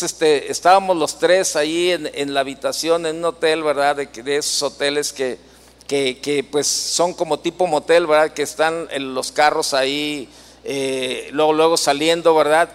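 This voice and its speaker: Guy preaching, slightly high voice, chatty with lots of fillers, big echoey church. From Mexico. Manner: conversational, many fillers and tag questions. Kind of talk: sermon with personal story.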